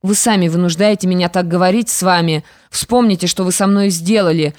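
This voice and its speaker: A woman's voice: lowish voice, steady tone, a little fast, darkish tone, no room sound, clean studio sound, lightly acted. A woman voicing a defiant young stepdaughter in an audiobook, firm and reproachful. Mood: indignant. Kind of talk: audiobook character reading.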